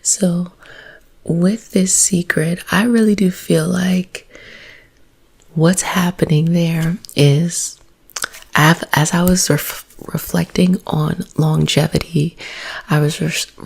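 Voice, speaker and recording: A woman speaking in a soft, half-whispered ASMR style, gentle and maternal, as the host of a self-care healing session. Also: lowish voice, steady tone, takes it slowly, gravelly, husky. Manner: gentle, maternal, informal, addresses listeners as babies. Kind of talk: soft-spoken ASMR, intimate monologue to listeners.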